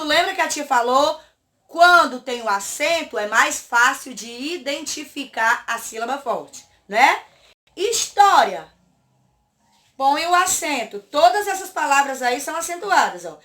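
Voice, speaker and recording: A woman who teaches to children, going through a worksheet slowly and deliberately and checking often that the class remembers. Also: sits high, pushed and bright. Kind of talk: worksheet lesson.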